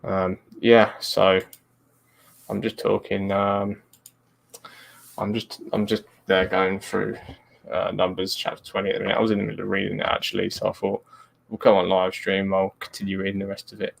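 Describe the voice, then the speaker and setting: A man hosting a casual livestream Bible study, reading scripture aloud and talking it over with halting, stumbling speech and many fillers. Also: sits low, completely flat delivery, gravelly, poor audio.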